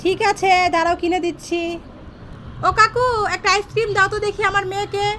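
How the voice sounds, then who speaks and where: A woman's voice: extremely high pitch, steady tone, fairly quick, bright, forceful tone, a little hiss or hum. A woman playing a mother in a family comedy skit, coaxing and teasing her child with playful scolding.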